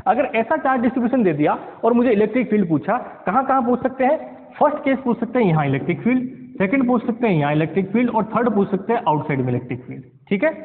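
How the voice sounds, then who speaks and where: A man teaching physics in a classroom lecture, often asking his students questions and mixing English terms into his talk. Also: high voice. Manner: keeps asking the class questions, checks understanding; mixes English science terms into Hindi. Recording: tinny lo-fi sound with long reverb.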